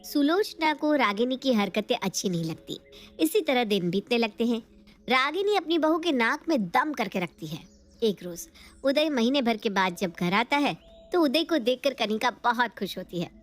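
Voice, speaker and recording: A woman narrating a cartoon story with a high voice. She reads in a plain, even storytelling manner and moves the scenes along. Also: moderate pace, soft background music.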